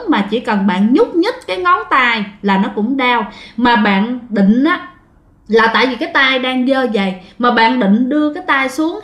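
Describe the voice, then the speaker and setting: A woman's voice: high-pitched, a bit bright. Chatty woman storyteller. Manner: chatty, addresses listeners directly. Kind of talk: ghost story narration. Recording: roomy echo.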